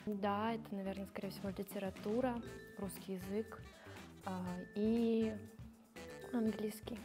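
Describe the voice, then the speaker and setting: In a studio with a grey backdrop, a woman in her twenties wearing a lapel mic answers a show's casual interview questions thoughtfully, with some hesitation. Her mid-range voice is steady and unhurried, and music plays underneath.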